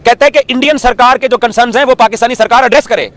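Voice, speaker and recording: A man's voice: very high-pitched, fairly even intonation, racing, a bit bright, dry recording. A man debating cricket, blunt and accusatory, firing off his points. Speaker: commentator. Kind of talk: heated panel debate.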